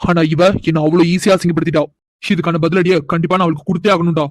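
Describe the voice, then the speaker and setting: A man's voice: a little high, little pitch movement, very fast, no echo, lightly acted. A man voicing a proud, hot-headed young city man in a cartoon, who talks angrily and boastfully. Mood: vengeful. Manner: angry, boastful, vengeful. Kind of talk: cartoon voice acting.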